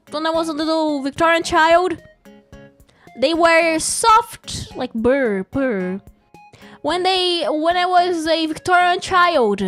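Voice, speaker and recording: A young Brazilian woman whose first language is Portuguese chats casually and playfully on a live stream, rambling and giggling often. Her voice is extremely high with a fairly bright tone, and faint music plays behind her.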